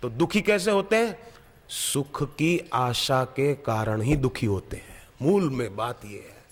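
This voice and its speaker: Emphatic preacher in a reverberant hall. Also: male voice, high-pitched, a bit bright. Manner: storytelling, emphatic repetition. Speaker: spiritual preacher. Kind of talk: devotional sermon with anecdotes.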